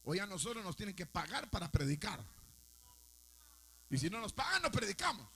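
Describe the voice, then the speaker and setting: A Salvadoran pastor preaching a fiery sermon in a very high, husky voice that climbs and falls across a lively range. His tone is sharp and bright, and he keeps bursting into shouts. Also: fairly quick. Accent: Salvadoran Spanish. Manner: preaching with frequent shouted outbursts.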